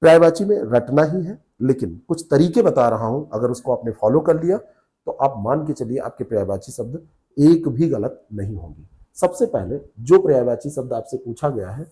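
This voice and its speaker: A man's voice: medium pitch, lively intonation, normal speed, warm tone. A man teaching an exam-prep lesson, asking questions and answering them himself, checking in with his listeners often.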